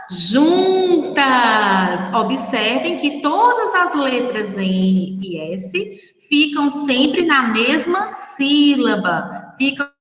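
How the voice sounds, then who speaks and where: In this recorded remote class, a woman primary teacher with a Brazilian Portuguese accent drags out words one syllable at a time for young kids, patiently and lovingly addressing them as children and darlings. Her voice sits high and a bit bright. She is far from the mic, and the poor audio sounds echoey, like a big room.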